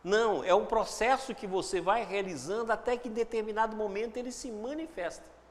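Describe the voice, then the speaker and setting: A man with a high-pitched voice and a Brazilian Portuguese accent gives a reflective spiritual talk in a large hall, speaking a little fast. A spiritual teacher, he acts out inner dialogues by shifting between voices.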